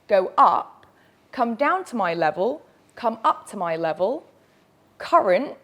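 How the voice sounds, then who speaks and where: A woman delivers a safety briefing in a mid-range voice. She explains each point directly, stressing what matters while staying reassuring. It has the style of narration for an instructional video. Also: medium pitch. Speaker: dive briefing presenter.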